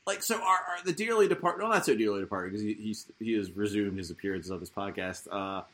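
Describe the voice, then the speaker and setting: A man's voice: fairly low pitch, lively intonation, quick pace, a bit bright. A man with a Baltimore accent hosting a casual sports podcast panel in a wry, joking manner. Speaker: podcast host.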